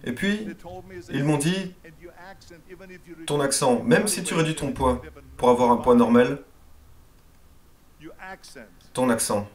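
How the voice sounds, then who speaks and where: Reading a first-person motivational speech as dubbed voice-over, the male translator keeps a measured pace in his mid-range voice. He sounds earnest and emphatic throughout.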